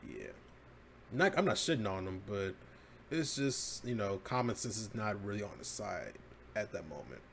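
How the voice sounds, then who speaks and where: A man with a lowish voice hosts a casual podcast, reading headlines and riffing on them in a loose, laid-back way that slips into swearing. A faint hiss sits under the recording. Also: lively intonation, normal speed, vocal fry, a bit bright. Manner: laid-back, swears and laughs at his own jokes. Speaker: podcast host.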